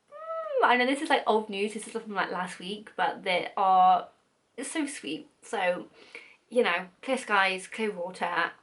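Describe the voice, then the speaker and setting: A woman's voice: mid-range voice, a bit bright. A young British woman in her twenties chatting casually to camera as a vlogger, swearing freely and laughing at her own slips.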